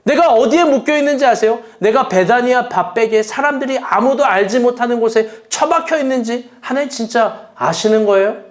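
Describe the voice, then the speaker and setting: A man's voice: extremely high pitch, brisk, few pauses. A man pastor preaching a sermon in an earnest, emotional way, piling up rhetorical questions.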